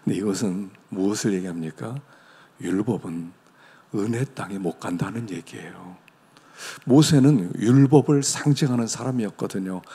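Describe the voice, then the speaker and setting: A male pastor delivers a sermon in a gravelly, husky voice of middling pitch. He preaches conversationally, tossing rhetorical questions at his listeners. A long reverb from the church hall hangs behind every phrase. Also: moderate pace, dark tone. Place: church sanctuary.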